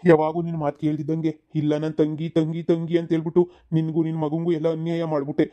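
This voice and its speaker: A man voicing an enraged middle-aged village father in a cartoon comedy, shouting threats and later pleading for forgiveness. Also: fairly high pitch, completely flat delivery, fast talker, muffled recording, natural voice. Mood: remorseful.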